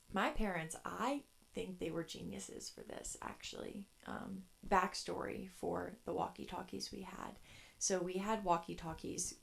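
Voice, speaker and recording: A woman's voice: fairly low pitch, vocal fry. A young woman in her twenties, hosting a solo podcast from her bedroom and telling childhood stories in a chatty, rambling way. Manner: chatty, rambling, laughs between thoughts. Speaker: podcast host. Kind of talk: casual solo podcast storytelling.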